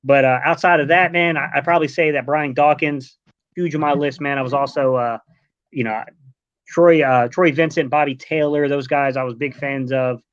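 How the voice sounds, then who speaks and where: A man in his late thirties from Delaware chats casually as a podcast guest. His voice sits fairly high, and he talks in a relaxed, rambling way, tossing in "man" often. The sound is dry and dull, like a lo-fi online call. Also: moderate pace, dry recording. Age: 30s. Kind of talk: casual sports chat.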